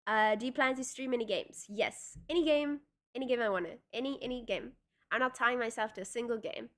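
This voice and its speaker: Reading viewer comments during a relaxed livestream, this young woman from South Africa speaks with a South African accent, Afrikaans being her first language. She talks briskly in a fairly bright, somewhat high voice, wandering off track with lots of fillers and false starts.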